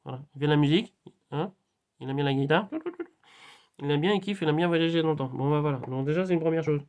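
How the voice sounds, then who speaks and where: A man's voice: a little high, fast talker, darkish tone, clear, resonant tone. A man vlogging in a casual spiritual monologue, rambling and playful, with lots of fillers and repeats.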